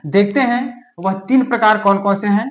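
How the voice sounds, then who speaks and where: A man's voice: sits high, fairly even intonation. A man teaching an exam-prep grammar lesson, stretching key terms out word by word and checking in with the class constantly. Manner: drawls key terms slowly word by word, adds frequent check-ins. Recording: echoey room.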